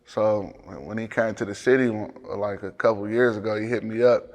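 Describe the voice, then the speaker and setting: A man's voice: on the low side, flat delivery, moderate pace, darkish tone, long reverb tail. A man with a Detroit accent chatting casually as an interview guest, with slangy, profane, streetwise phrasing. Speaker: music producer, interview guest. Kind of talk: casual chat.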